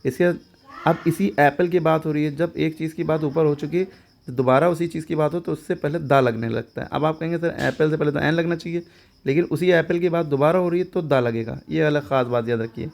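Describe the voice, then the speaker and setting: A man's voice: on the high side, gravelly, a little mellow. Male teacher explaining grammar. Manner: explains step by step, often checks understanding with questions; reads English example sentences slowly and deliberately. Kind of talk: classroom lesson in Hindi with English examples.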